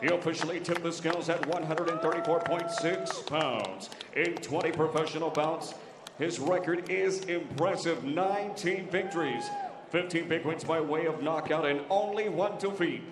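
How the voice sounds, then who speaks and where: A man working as a ring announcer at a live boxing event, giving booming, drawn-out shouted introductions. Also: background noise. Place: large casino arena, indoors. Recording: echoey arena hall.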